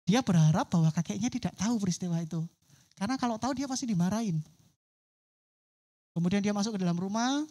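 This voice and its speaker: A woman's voice: medium pitch, mellow. Woman preacher at a church service, vivid storyteller who acts out her characters' voices. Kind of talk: sermon storytelling.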